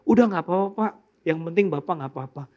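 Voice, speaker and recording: Lively high-voiced man preaching. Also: quick pace, muffled recording. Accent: Indonesian. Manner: lively, humorous storytelling with sudden loud outbursts and quiet asides. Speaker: pastor. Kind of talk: sermon. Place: church.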